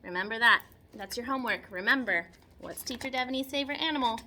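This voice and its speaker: Reading a picture book to children, a woman teacher speaks fast and expressively, breaking off for simple, chatty explanations, repeated lines and questions. Her slightly high voice sounds pushed and bright, with slight background noise.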